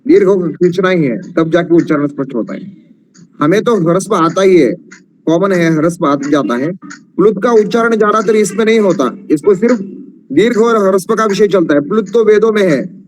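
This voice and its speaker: A man with a notably high voice teaches an online Sanskrit class. He explains grammar rules patiently and slows down to chant verses, stretching the long vowels. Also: lively intonation, a little mellow.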